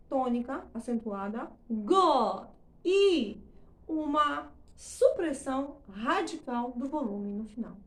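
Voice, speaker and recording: In a reverberant space, a woman whose voice sits high gives an explanatory lesson on English pronunciation, speaking Portuguese. She leans hard on the words she demonstrates, drawing them out, and regularly pauses to ask short questions.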